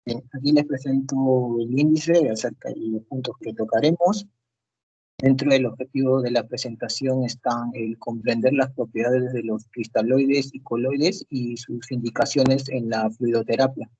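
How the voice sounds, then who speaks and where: Brief: male student presenter, husky voice, halting delivery full of fillers, dull dry call audio. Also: medium pitch, steady tone, dark tone, dry recording. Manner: hesitant, many filler sounds and restarts. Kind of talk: class presentation over video call.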